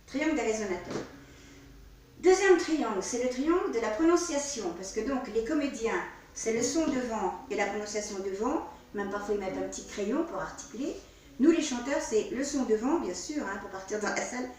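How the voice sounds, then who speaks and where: Despite having a cold, a woman singing teacher demonstrates vocal technique for her students, repeating words often and talking through her gestures. Her slightly high voice has lively intonation, a darkish tone and normal speed, recorded from afar in an echoey room.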